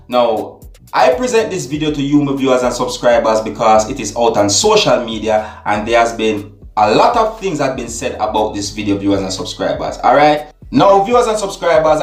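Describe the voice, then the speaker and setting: A man's voice: medium pitch, echoey room. A man presenting a social media clip to his viewers, often turning to address them directly and repeating himself. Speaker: channel host. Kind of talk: video commentary.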